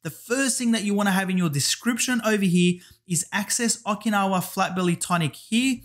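A man hosting a screen-share software tutorial, giving step-by-step instructions and often saying "guys" and "over here". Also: sits high, fairly quick. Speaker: YouTube tutorial host.

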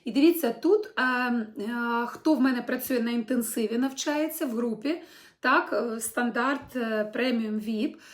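A young woman teaching an online language lesson, explaining word by word and modelling phrases slowly and brightly. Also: on the high side. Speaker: French teacher.

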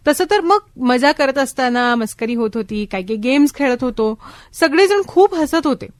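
A woman's voice: high voice, moderate pace, dry recording. A woman playing a chatty college girl. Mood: storytelling. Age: young adult. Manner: chatty, animated storytelling. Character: cheerful college girl telling a funny story. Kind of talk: radio drama acting.

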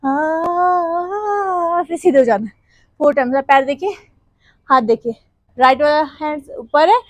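A woman's voice: high-pitched, normal speed, no room sound. A woman dance teacher, explaining steps and counting beats aloud, sometimes singing along. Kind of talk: dance tutorial instruction with counting.

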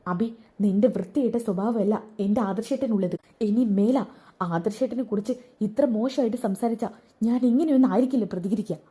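A woman's voice: mid-range voice, a little fast, mellow, close to an everyday voice. A woman voicing a loyal young woman who scolds and warns her brother-in-law. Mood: angry. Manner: scolding, warning.

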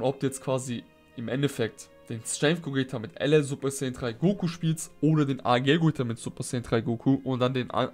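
A young man hosts a gaming video with music playing behind him. He sounds conversational and slangy, reasoning out loud at a middling pitch as he explains his choices. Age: young adult. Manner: thinking aloud, explanatory, slangy. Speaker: gaming video host rating viewers' game teams. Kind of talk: casual, conversational game commentary. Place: small indoor room at home. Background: background music.

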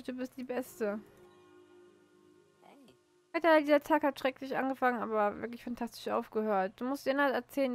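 A moping young man who over-dramatizes everything, read by a woman. Her voice sits fairly high and the recording is dry. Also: dry recording.

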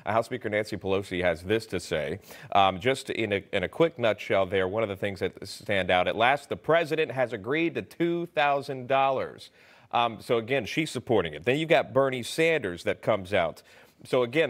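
A man hosting a cable news interview, running briskly through quotes before putting questions to his guest. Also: mid-range voice, lively intonation. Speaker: news host.

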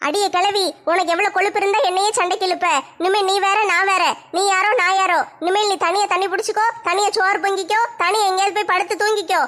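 A woman playing a quarrelsome young village daughter-in-law, scolding with quick retorts. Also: very high voice, flat delivery, fairly bright tone.

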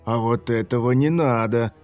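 A man's voice: medium pitch, moderate pace, darkish tone, lightly acted. A cruel, playful male killer taunts his captives in a sneering, raised voice, as a man reads him. It sits in a horror audiobook over faint background music. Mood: taunting.

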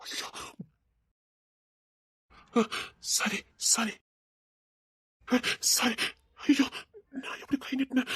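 A woman's voice: a little high, normal speed, pauses often, breathy edge, no room sound. A woman voicing a remorseful young husband who pleads with his wife, in a Tirunelveli Tamil accent, often whispering apologies. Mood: pleading.

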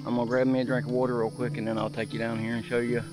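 Over music, a man in his thirties rattles off easygoing hiking narration in a mid-range voice with a level tone. He's an outdoor vlogger filming himself on a handheld or body-mounted action camera as he makes his way through a forest to a shallow creek.

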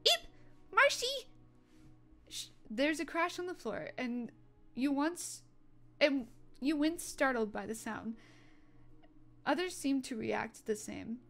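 A woman's voice: high voice, lively intonation, takes it slowly, creaky. A young woman casually narrating a role-play story, stumbling into fillers and restarts. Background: faint music.

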